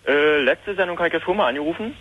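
A man calling in to a radio show, stubborn and pedantic in a deadpan way. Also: fairly high pitch, fast talker, crowd noise. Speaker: caller. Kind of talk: phone-in chat. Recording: dull phone line.

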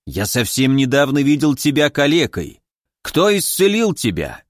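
A cranky little ancient hermit, as a male narrator puts him on, slow, gruff and bossy. His voice rises and falls sharply as he grumbles and demands answers. The reading is close and dry, with no room sound. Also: medium pitch, huge pitch swings, no room sound.

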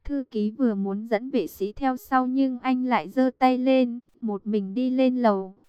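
A woman reads a romance novel aloud in an even, measured way, her voice very smooth and resonant and pitched a little high. The recording is close and dry, with a slightly muffled, lo-fi tone. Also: no echo. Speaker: audiobook narrator. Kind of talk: scripted romance novel narration.

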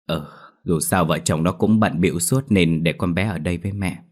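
A man's voice: low voice, moderate pace. A man voicing a stern old grandmother. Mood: calm. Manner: scolding, firm.

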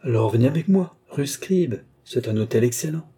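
A man's voice: medium pitch, expressive, moderate pace, mellow, husky, pitched above the performer's own voice. A man reading a hearty cavalry captain. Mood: courteous, assured. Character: confident hearty male cavalry captain, talkative.

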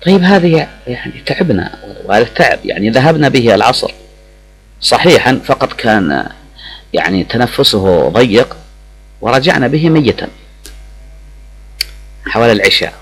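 A man's voice: mid-range voice, very animated, moderate pace, pauses often, a bit bright, slightly rough, rough recording. A middle-aged man, speaking emotionally on the radio with many hesitations and restarts. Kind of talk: reflective personal talk.

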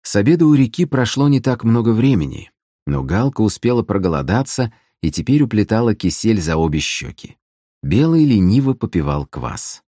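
Man, audiobook narrator, deep low voice, measured storytelling, dry close recording. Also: warm tone, no echo.

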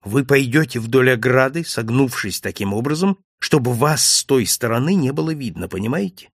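Man reading calm lecturing Italian detective, commanding, husky, dry close sound, audiobook. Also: medium pitch, moderate pace, no room sound. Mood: instructive.

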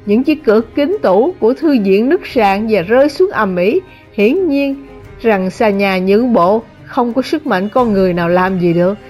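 A woman narrating a translated novel as an audiobook, in a measured, dramatic reading. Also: medium pitch, expressive, a little mellow, faint music behind. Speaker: audiobook reader.

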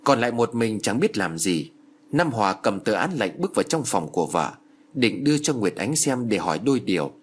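A man narrating a story in an expressive, lively reading style. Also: on the low side, a little fast, slightly rough.

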